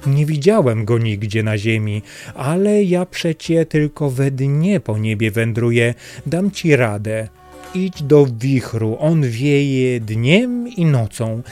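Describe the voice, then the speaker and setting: The mighty sun of a storybook, read by a man, booming and commanding yet kind. The voice is dark and mellow. It speaks at a slow, stately pace. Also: very animated, soft background music. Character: mighty radiant sun, grown son, booming.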